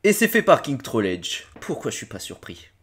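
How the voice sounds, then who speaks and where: A man with a French accent doing casual reaction commentary, excitable and slangy, with loud outbursts. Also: medium pitch, normal speed, breathy edge. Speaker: video reactor host.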